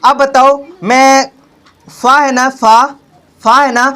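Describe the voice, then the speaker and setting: A man's voice: very high voice, little pitch movement, slow pace, pushed and bright, smooth. A young man teaching as a tuition teacher, drilling his pupils with repeated call-and-response questions and calling them beta. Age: young adult. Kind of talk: classroom lesson. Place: tuition classroom with children. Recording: noisy classroom recording with clicks.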